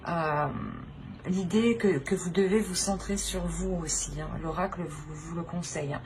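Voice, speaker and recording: Speaking at normal speed in a fairly low voice, with background noise audible, the channel host reads tarot for viewers without a script. Her delivery is searching and hesitant, full of repeated and rephrased phrases.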